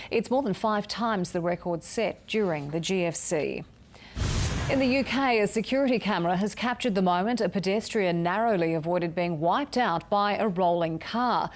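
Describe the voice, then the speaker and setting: A woman presenter reading scripted news headlines in a measured newsreader manner. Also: medium pitch. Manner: crisp, measured newsreader delivery.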